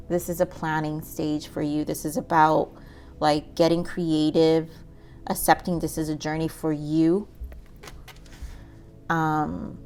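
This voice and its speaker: A woman with a low voice and a gravelly edge gives a relaxed tarot reading. She muses aloud, fills her talk with "like" and "um," and asks spirit for answers as she pulls cards. Soft music plays underneath. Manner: musing, says "like" and "um" often, talks to spirit while pulling cards. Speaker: tarot reader.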